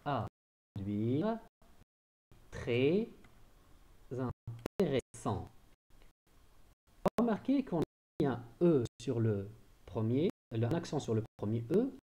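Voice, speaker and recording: A man teaching a recorded spelling lesson, dictating slowly and repeating words to stress them. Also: medium pitch, warm tone. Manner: slow dictation, stresses and repeats each word.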